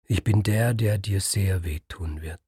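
A man's voice: unhurried, slightly rough, no room sound, studio quality, full character voice. Death, a man voicing a sad weary figure. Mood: sorrowful. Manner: quiet, sorrowful and low.

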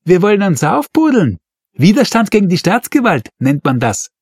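A man voicing a gruff, bullying male police colonel in an audiobook reading. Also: high voice, big pitch swings, moderate pace, darkish tone, dry recording, clean studio sound, pitched above the performer's own voice, exaggerated voice. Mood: barking.

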